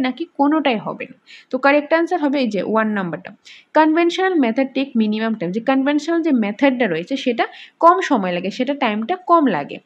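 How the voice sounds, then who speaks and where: High-voiced woman teacher, lo-fi sound. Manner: reads English options slowly, explains in Bengali. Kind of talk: exam practice lesson. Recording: dull lo-fi recording.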